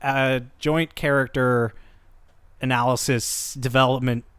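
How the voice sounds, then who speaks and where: A man's voice: mid-range voice, fairly even intonation, unhurried, fairly bright tone, clean tone, no echo. A man co-hosting a casual anime discussion podcast, enthusiastic and swearing freely. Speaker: podcast co-host.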